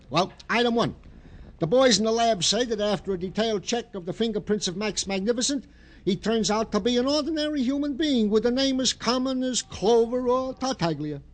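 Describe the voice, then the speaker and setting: An actor with an American accent playing an eager, bumbling police sergeant sidekick in a 1950s radio drama, fussy, wordy and stammering. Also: male voice, extremely high pitch, lively intonation, a little fast. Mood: self-important reporting. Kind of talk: 1950s radio comic-relief acting.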